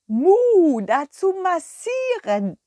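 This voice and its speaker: A woman's voice: very high voice, big pitch swings, very slow, mellow, no room sound, studio quality, voice pushed up, heavily acted. A woman voicing a sweet, clumsy, short-sighted female cow who moos between her words. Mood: puzzled.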